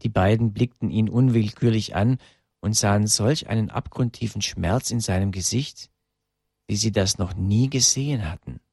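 A man narrating a story slowly and emotively, with dramatic pauses. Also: fairly low pitch, creaky, darkish tone, husky, dry recording, clean studio sound.

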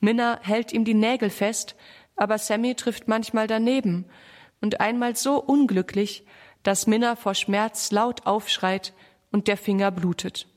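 A woman narrating a children's story in an even storytelling voice. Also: medium pitch, measured pace.

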